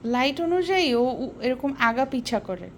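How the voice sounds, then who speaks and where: A woman's voice: high voice, expressive, unhurried, a little hiss or hum. A young woman from Bangladesh talking through a casual home vlog, mixing English phrases into her Bengali. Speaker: vlogger. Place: home kitchen and rooms, indoors. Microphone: handheld camera.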